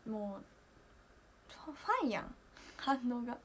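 A young woman in her twenties, chatting casually on a solo livestream, emotional and talkative, moving from loud bursts to hushed asides. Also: on the high side, very animated, measured pace. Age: 20s. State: near tears at times. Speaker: idol streamer.

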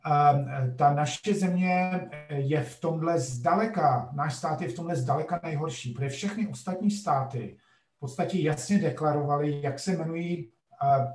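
A man's voice: fairly high pitch, roomy sound, far from the mic. A middle-aged man, a geography professor, telling a story in a lecture-like way, emphatic, with frequent hesitation sounds. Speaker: podcast guest, geography professor.

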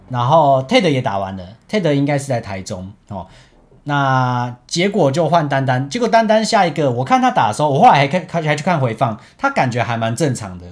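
A young man speaks Mandarin with a Taiwanese accent, telling a story in a loose, chatty way over gameplay. His pitch leaps up and drops back constantly, which makes him sound lively. He laughs often between sentences. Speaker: esports team captain.

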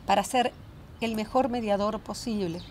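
A woman's voice: medium pitch, steady tone, moderate pace, darkish tone, slight background noise. A woman co-hosting a storytelling show, talking in an emphatic way and often finishing her partner's sentences. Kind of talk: casual studio chat.

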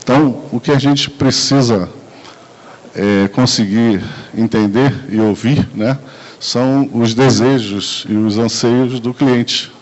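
A Brazilian man presents a sales talk in a conference room, speaking slowly in a medium-pitched voice with a Brazilian Portuguese accent. His manner is relaxed and conversational, with plenty of tag questions and fillers. He uses a handheld mic, captured by a far camera as dull, lo-fi camcorder audio.

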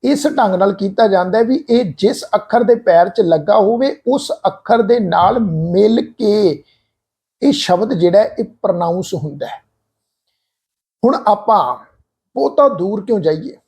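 A man teaching correct pronunciation of scripture, speaking slowly and deliberately, repeating and drawing out syllables to demonstrate them, and politely addressing the congregation. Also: high voice, expressive, a little mellow. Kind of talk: patient instructional explanation.

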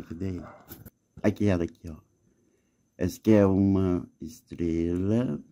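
Mineiro guy filming the sky on his phone outside at night, lowish warm voice, keeps insisting to viewers. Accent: Mineiro Brazilian Portuguese. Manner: insistent, talking to viewers while filming, repeats himself. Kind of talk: casual narration while filming. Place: outdoors at night. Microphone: phone camera resting on a wall.

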